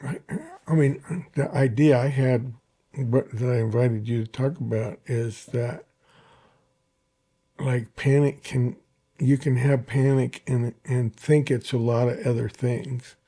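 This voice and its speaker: Gravelly, husky older man chatting haltingly. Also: medium pitch, fairly even intonation, dark tone. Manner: halting, repeats his words. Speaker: podcast host and therapist. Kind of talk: casual conversation.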